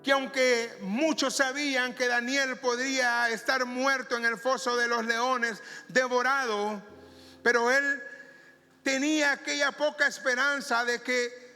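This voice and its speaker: A male pastor preaching a sermon in a church, slow and emphatic, drawing out his phrases. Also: very high voice, fairly even intonation, pushed and bright. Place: church sanctuary. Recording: reverberant church hall with music behind.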